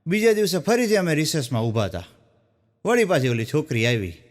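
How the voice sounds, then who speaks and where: A man, a stand-up comedian telling folksy joke stories and dropping his voice low when he quotes people. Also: sing-song, fairly quick, in a large hall. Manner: folksy storytelling, drops low for quoted characters.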